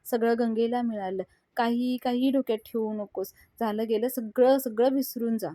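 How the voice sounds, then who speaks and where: A woman's voice: fairly high pitch, fairly even intonation, normal speed, no room sound, lightly acted. Fields: Figure: woman acting out an angry stern father. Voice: raised, scolding. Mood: coaxing. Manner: scolding loudly, then coaxing softly. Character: angry middle-aged father, stern and controlling.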